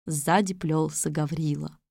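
A woman narrating a storybook chapter in a clear, even storytelling manner. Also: low-pitched, a little slow, no room sound, clean studio sound.

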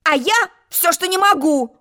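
A woman's voice: very high-pitched, normal speed, a bit bright, pitched above the performer's own voice. A woman reading a storybook, voicing a gloomy, suspicious little boy. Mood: sulky.

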